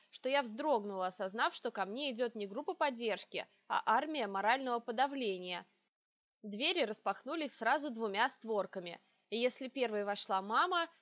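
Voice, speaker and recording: A woman narrating a first-person fantasy audiobook with a wry, measured delivery. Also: fairly high pitch, a bit bright. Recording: dry, slightly dull audio.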